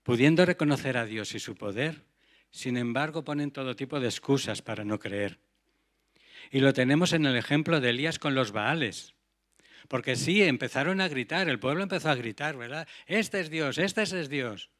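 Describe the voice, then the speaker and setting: A man's voice: medium pitch, moderate pace, a bit bright. Earnest male preacher. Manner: earnest, rhetorical questions to the congregation. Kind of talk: sermon.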